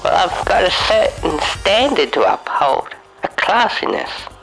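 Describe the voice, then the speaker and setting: A man's voice: sits high, big pitch swings, a little slow, vocal fry, fairly bright tone, faint music behind, exaggerated voice, rough recording. A man voicing a pompous, eccentric male taxidermist who speaks grandly and calls people mate and lad. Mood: haughty.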